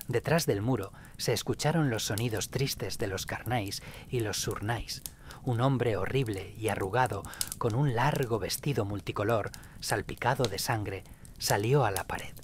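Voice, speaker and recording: Man, bedtime story narration, calm, measured, lowish voice, faint noise.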